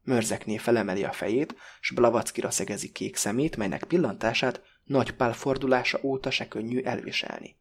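Husky male audiobook narrator. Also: mid-range voice, fairly even intonation, hardly any pauses.

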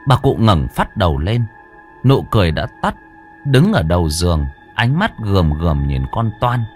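Deep-voiced man telling a ghost story. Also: very animated, normal speed, a little mellow, soft background music.

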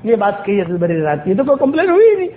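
A man's voice: sits high, sing-song. A man giving a Friday sermon in a mosque, retelling stories with quoted dialogue and emphatic repetition. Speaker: preacher. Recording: tinny phone-like sermon recording with faint hiss.

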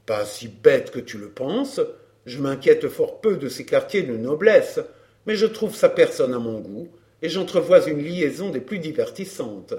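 A man's voice: on the high side, big pitch swings, a little slow, a little mellow. A man playing a brash, chatty flirt. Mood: glib. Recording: roomy echo.

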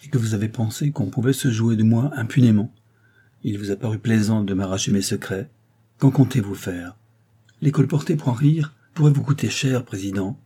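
A man's voice: on the low side, fairly even intonation, moderate pace, mellow, lightly acted. A man voicing a proud, hot-tempered young nobleman not yet nineteen, speaking indignantly.

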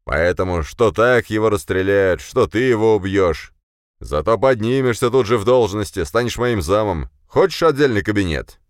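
A man voicing a fat, bossy middle-aged police chief who shouts and blusters. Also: deep voice, lively intonation, moderate pace, no echo, clean studio sound. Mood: blustering, angry.

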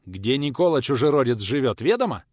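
A male narrator voicing a gruff, irritable elderly pensioner in an audiobook, speaking brusquely and with command. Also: medium pitch, very animated, fairly quick, a little mellow, dry recording, studio quality.

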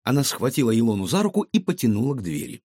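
A man reads a children's audiobook aloud in a husky, slightly high voice, with a lot of rise and fall. The recording is close and dry. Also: very fast, no echo. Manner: lively, expressive storytelling. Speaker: narrator. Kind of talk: audiobook narration of a children's story.

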